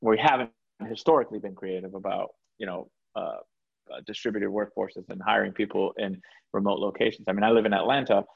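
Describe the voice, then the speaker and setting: A man's voice: fairly low pitch, steady tone, fairly quick, gravelly, breathy edge, lo-fi sound. A man from South Florida speaking on a panel of tech lawyers in a frank, conversational way, laughing easily, over a video call. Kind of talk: panel discussion.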